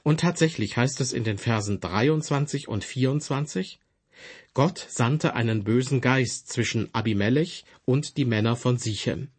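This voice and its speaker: A man reading Bible verses aloud and explaining them in a measured, solemn scripted commentary. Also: medium pitch, husky.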